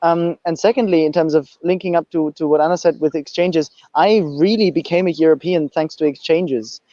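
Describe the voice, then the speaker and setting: A man's voice: a little high, moderate pace, dark tone, no echo, lo-fi sound. A young man from Austria, giving panel remarks as a youth movement president, hesitant with frequent fillers, on a video call. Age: young adult. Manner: hesitant, many fillers and restarts.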